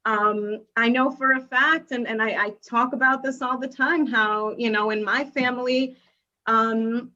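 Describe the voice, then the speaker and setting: A woman's voice: fairly high pitch, steady tone, measured pace, sharp tone, lo-fi sound. A woman from the Dominican Republic leading a panel discussion, speaking hesitantly with many fillers and restarts.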